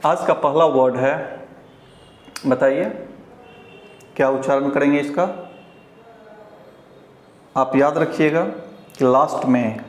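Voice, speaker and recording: A man with a Bihari Hindi accent teaching English pronunciation, explaining slowly and repeating each word for learners. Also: medium pitch. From India. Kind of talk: pronunciation lesson. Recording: echoey room.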